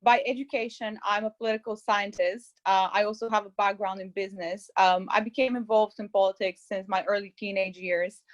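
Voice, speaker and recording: A woman from Bulgaria opening an online webinar as its co-founder and host, speaking in a measured way with frequent pauses and ums over a video call. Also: medium pitch, fairly even intonation, muffled recording.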